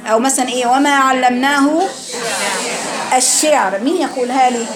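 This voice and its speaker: A woman with an Egyptian accent teaching Quran recitation to a class, quizzing her students and modelling words slowly. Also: high-pitched, steady tone. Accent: Egyptian Arabic. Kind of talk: classroom lesson. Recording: crowd noise behind.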